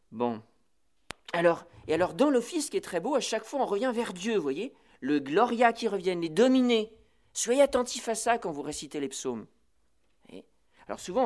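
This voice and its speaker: A man, a priest, giving spiritual instruction on the prayer office. He talks in a lively, chatty way and reads Latin phrases slowly before explaining them. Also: high voice. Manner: lively, chatty teaching peppered with "voilà" and "vous voyez".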